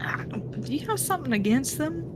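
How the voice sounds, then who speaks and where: A woman's voice: sits high, very animated, a little fast, music in the background, voice pushed up. A woman voicing a dry, prickly skeleton outlaw in a tabletop game, hesitant and sardonic. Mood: dry, casual. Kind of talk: tabletop role-play. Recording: noticeable background noise.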